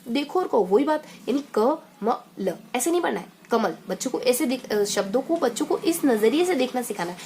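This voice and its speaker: A woman teaching an exam-prep lesson in a chatty way, repeating phrases and throwing in quick asides. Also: high-pitched, animated, darkish tone, a little hiss or hum.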